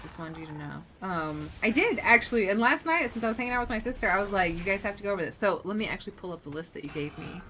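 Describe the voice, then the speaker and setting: A woman's voice: mid-range voice, a bit bright, slight background noise. A woman game streamer chatting casually and thinking aloud as she plays, her delivery swinging between muttering and exclaiming. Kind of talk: casual gaming livestream chat. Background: music behind the voice.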